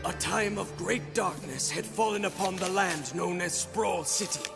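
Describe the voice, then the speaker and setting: A man's voice: sits high, measured pace, vocal fry, over music. A man voicing a pompous cartoon storyteller with a dramatic movie trailer delivery. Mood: grave, dramatic. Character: young male cartoon sidekick narrating in pompous storybook voice. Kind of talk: scripted cartoon narration.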